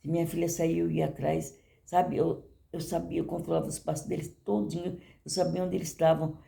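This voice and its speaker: A woman's voice: deep voice, flat delivery, brisk, gravelly, mellow. An older woman giving a personal testimony in church, talking conversationally to the congregation and often asking "you know?".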